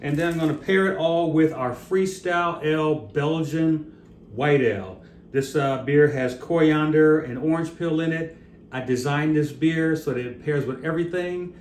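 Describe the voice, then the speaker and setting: A man's voice: fairly high pitch, normal speed, roomy sound, a little hiss or hum. A middle-aged man hosting his own cooking and brewing vlog, talking in an easygoing, chatty way with fillers and restarts, holding the camera at arm's length. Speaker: host of a cooking and brewing channel. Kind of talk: casual vlog talk. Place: outdoors on the street, then a home kitchen. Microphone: camera held at arm's length.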